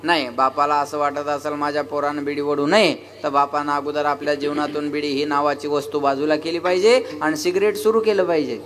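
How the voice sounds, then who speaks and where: A man's voice: fairly high pitch, flat delivery, a little fast, hardly any pauses, fairly bright tone. A man preaching a devotional sermon with sung verses, joking and calling on the audience to answer him. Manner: jokey, keeps asking the audience to answer back. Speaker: kirtan preacher.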